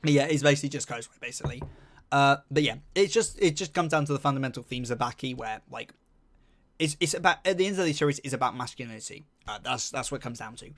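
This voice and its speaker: A man's voice: medium pitch, fast talker, fairly bright tone. A young man chatting casually on a live stream, reading chat and rambling with lots of fillers while humming to himself.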